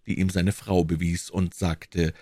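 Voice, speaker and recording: A man reading a classic novel aloud in an expressive, measured storytelling voice. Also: low voice, no room sound, studio quality. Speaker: audiobook reader.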